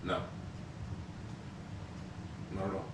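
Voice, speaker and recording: A man co-hosting a podcast in relaxed, casual chat, swearing now and then. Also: very slow, a little hiss or hum. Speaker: podcast co-host. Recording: roomy echo, distant from mic.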